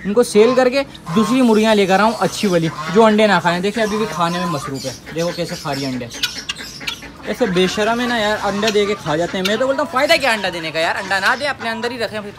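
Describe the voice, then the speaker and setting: A man, chatting casually to the camera as he shows his pet birds, animated and exclaiming at them. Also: high voice, fast talker. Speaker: pet vlogger. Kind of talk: casual vlog narration. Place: outdoor backyard with bird pens. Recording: noisy outdoor phone recording. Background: birds chirping and squawking.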